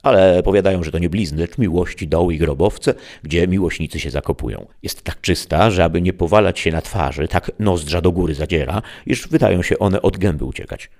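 A man's voice: deep voice, fairly quick, hardly any pauses, darkish tone. A man voicing a simple, long-winded village peasant who speaks meekly and deferentially. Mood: earnest. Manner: meek, rambling, deferential.

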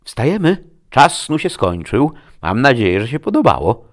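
A man's voice: medium pitch, very animated, normal speed, pitched above the performer's own voice, natural voice. A man voicing a polite, businesslike young female technician. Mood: brisk.

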